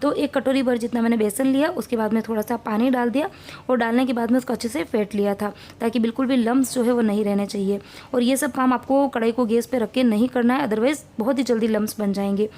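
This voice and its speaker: A woman in her thirties talks through her morning chores and cooking as a family vlogger. Her slightly high voice has a mellow, warm tone. She chats in a rambling, homely way. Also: steady tone, fast. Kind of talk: casual vlog narration.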